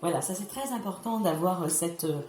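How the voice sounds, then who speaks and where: A woman's voice: lowish voice, a little fast, darkish tone. A woman vocal coach giving a patient, instructive singing lesson, speaking directly to her viewers. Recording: echoey room with music behind.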